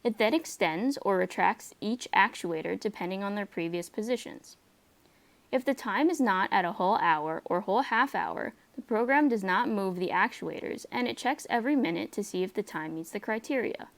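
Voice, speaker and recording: Mid-pitched young woman, scripted technical narration. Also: lively intonation, normal speed, vocal fry. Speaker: student project presenter.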